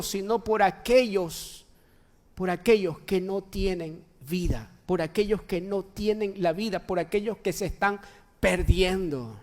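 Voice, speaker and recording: High-voiced pastor preaching in a reverberant church. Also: male voice. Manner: emphatic, with repeated phrases and rhetorical questions. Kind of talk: sermon. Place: church sanctuary. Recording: long church-hall reverb.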